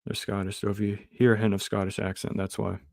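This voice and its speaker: A man's voice: fairly low pitch, level tone, fast talker, vocal fry, darkish tone, no room sound, clean studio sound. A young man hosting a podcast, chatting casually with his live viewers and answering the chat. He drifts between questions and trails off into mumbled asides. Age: young adult. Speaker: podcast host.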